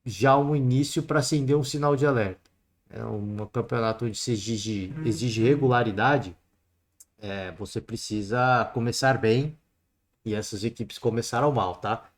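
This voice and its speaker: A man with a Brazilian accent hosting a sports podcast alone, giving casual football commentary in a chatty way. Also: mid-range voice. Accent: Brazilian Portuguese. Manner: chatty, peppers talk with "né" and "cara".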